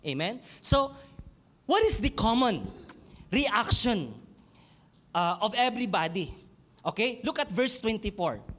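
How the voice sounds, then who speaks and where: A man's voice: high voice, sing-song, slow, long pauses, a bit bright. A man with a Filipino accent preaching a sermon in church, switching between Tagalog and English and asking the congregation questions. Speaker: pastor.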